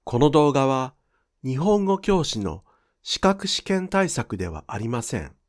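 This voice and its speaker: Male lesson narrator, clear and measured, very animated intonation. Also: medium pitch. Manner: clear, measured explanatory delivery. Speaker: Japanese pronunciation teacher. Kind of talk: scripted instructional narration.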